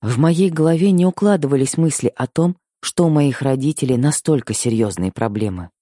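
A man reading a first-person novel aloud as an audiobook narrator, in steady storytelling. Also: mid-range voice, fairly quick, no echo, studio quality.

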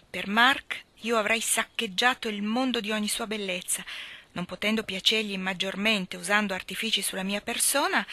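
Bright-voiced woman reading a novel aloud. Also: medium pitch, dry recording. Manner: expressive, lively dialogue voicing. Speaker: reader.

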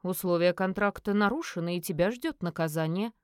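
A woman voicing a smug, teasing young man in an audiobook, in her own mid-pitched voice. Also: fairly quick, a little mellow, clean tone, no room sound, studio quality, close to an everyday voice.

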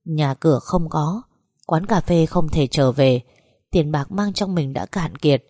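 A woman narrating a story at a steady, even reading pace. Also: deep voice, a little slow, no room sound, clean studio sound. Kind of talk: audiobook narration.

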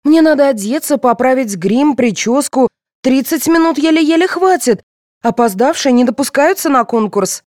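A woman voicing an impatient teenage girl contestant in an audiobook, nervous and high-pitched. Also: big pitch swings, normal speed, darkish tone, no room sound, clean studio sound. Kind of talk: audiobook character voice.

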